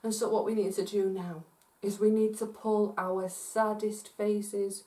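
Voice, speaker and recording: A woman's voice: medium pitch, a little slow, distant mic. A woman from Scotland leading an interactive, multi-sensory story for children, speaking directly to listeners at home and encouraging them to join in. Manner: animated, encouraging, talks straight to listeners at home. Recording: roomy echo, voice from off-mic.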